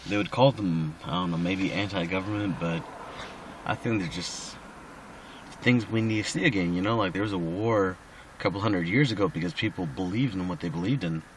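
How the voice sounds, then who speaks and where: A man's voice: sits low, fairly quick, a little hiss or hum, poor audio. A drunk man rambling casually in a personal recording, slightly slurring and losing his thread.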